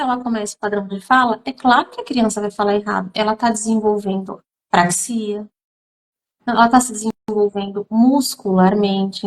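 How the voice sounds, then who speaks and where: A woman with a somewhat high voice speaks as a guest teacher in a live stream. She talks emphatically and addresses her viewers directly, with many fillers and restarts. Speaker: mother.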